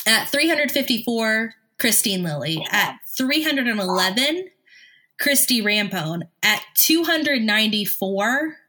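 Bright-voiced woman with a smoker's cough. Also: on the high side. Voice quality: smoker's cough, frequent throat clearing. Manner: analytical, recites player statistics. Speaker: sports talk show host. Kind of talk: casual sports chat.

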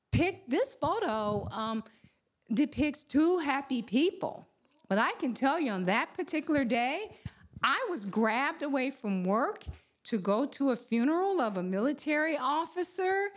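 A woman presenter giving a conference talk, measured and often pausing on fillers and restarts. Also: high-pitched, sing-song. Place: convention hall.

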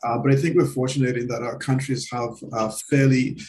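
A man interviewing a guest in casual chat, speaking hesitantly with many pauses and restarts. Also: medium pitch, fairly even intonation, darkish tone, a little hiss or hum, low-quality recording.

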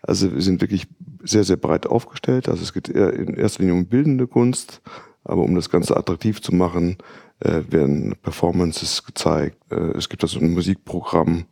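Man, gallery owner, very deep voice, gravelly, measured and hesitant, dry sound. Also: warm tone, no room sound. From Netherlands. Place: art gallery.

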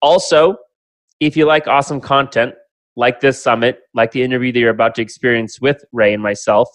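Hosting an online summit, a man opens an interview conversationally and emphatically, breaking things into simple steps and posing rhetorical questions. His medium-pitched voice is fairly even in intonation and a little fast, and the recording is dry.

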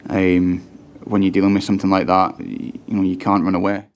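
A man's voice: low-pitched, completely flat delivery, a little fast. Hesitant man giving testimony. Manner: hesitant, with many ums and restarts. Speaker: police officer giving evidence. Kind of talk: formal inquiry testimony.

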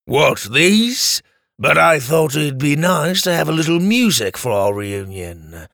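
A man's voice: fairly high pitch, big pitch swings, measured pace, creaky, fairly bright tone, dry recording, studio quality, pitched above the performer's own voice, full character voice. A man voicing a sly pirate captain villain who snarls his orders. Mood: menacing.

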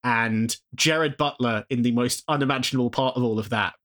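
A man co-hosting a casual podcast chat, animated and laughing as he retells plots. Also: mid-range voice, normal speed. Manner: animated, laughing mid-sentence, exaggerated retellings.

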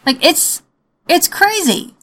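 A woman with a high, clear voice chatting on a podcast. She speaks wryly and stretches her words as she complains. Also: lively intonation, takes it slowly, fairly bright tone. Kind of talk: casual chat.

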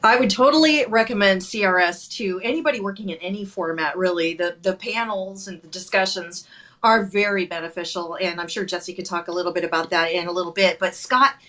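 A woman's voice: lowish voice, brisk. A woman hosting a chat about radio, speaking in an encouraging manner. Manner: warm, encouraging. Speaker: host.

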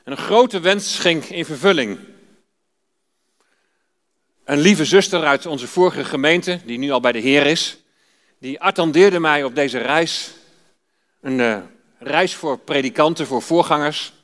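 A man's voice: a little high, a little slow, pauses often, fairly bright tone. A man in his fifties, a pastor reading scripture and telling personal stories in a sermon. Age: 50s. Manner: storytelling, personal. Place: church. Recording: long church reverb.

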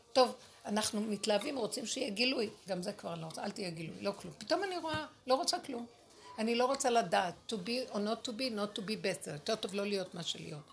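A woman with a medium-pitched, slightly bright voice and some vocal fry shares spiritual experiences with a small group. She sounds impassioned and exasperated, often repeating her words.

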